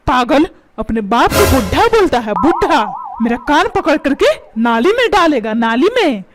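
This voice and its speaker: A woman's voice: high voice, big pitch swings, moderate pace, background noise. A woman voicing a short-tempered middle-aged father in a cartoon, scolding and repeating insults. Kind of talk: Hindi cartoon voice acting. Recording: loud background music.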